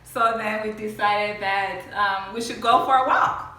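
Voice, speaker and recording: A woman's voice: medium pitch, steady tone, measured pace, pushed and bright, slight background noise. A young woman in a casual chat, telling a birth story and laughing often. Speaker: vlogger sharing her birth story. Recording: echoey room from far off.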